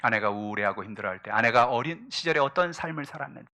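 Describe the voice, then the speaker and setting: A middle-aged man preaching a Sunday sermon as pastor, acting out quoted spouses and parents and swinging from hushed to loud. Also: medium pitch, lively intonation, very fast.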